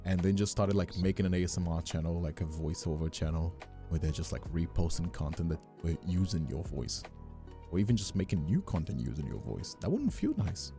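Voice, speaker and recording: A man hosts a casual, rambling livestream chat as an ASMR creator and streamer, sounding earnest, informal and hesitant, often repeating himself while searching for words. His low, mellow voice is animated and fairly quick, with vocal fry. Faint music plays behind him.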